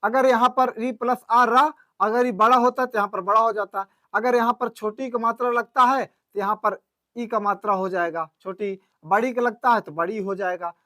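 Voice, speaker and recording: A man's voice: sits high, fairly even intonation, moderate pace, sharp tone, dry recording. A man teaching a grammar class, explaining step by step and often checking that his students follow. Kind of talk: classroom lecture.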